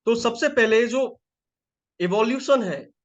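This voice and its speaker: A man's voice: very high voice, slow. A life coach, a man, teaching a live group session in a conversational way, repeating phrases and checking that listeners follow, while feeling a little unwell.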